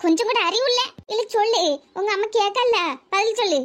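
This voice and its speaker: Woman doing a very high-pitched cartoon village mom, sharp-tongued and always scolding. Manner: scolding, rapid-fire rebukes. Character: stern middle-aged village mother, sharp-tongued.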